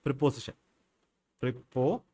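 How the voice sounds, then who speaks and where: A man's voice: medium pitch, moderate pace, dark tone. A man with a Malayali accent teaching an exam-prep English grammar lesson, asking and answering his own questions and repeating key words.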